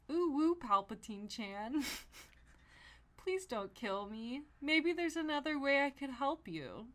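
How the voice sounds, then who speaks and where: A woman's voice: high-pitched, sing-song, slow, a bit bright, pitched above the performer's own voice, exaggerated voice. Woman putting on Larry the Cucumber, timid but naughty. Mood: pleading, coy. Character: timid yet naughty male cartoon cucumber.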